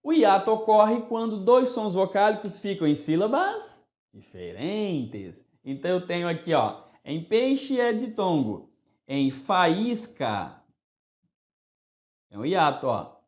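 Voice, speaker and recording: Lively, high-voiced male grammar teacher. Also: normal speed, roomy sound. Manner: animated and playful, calls out words in a singsong to mark the stress. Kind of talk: classroom grammar lesson.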